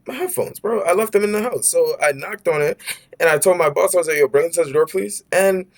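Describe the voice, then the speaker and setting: A young man with a New York accent telling a personal story to camera in an animated, rambling way, full of "like", "bro" and "right?". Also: high-pitched, brisk. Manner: animated, frequent restarts. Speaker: vlogger. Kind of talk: casual storytime monologue.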